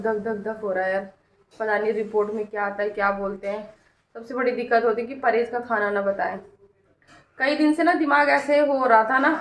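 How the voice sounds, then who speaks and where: Chatty high-voiced woman vlogger. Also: a bit bright. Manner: chatty and homely, thinks aloud, tags questions to viewers. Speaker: family vlogger. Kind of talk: casual vlog narration. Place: city streets and home.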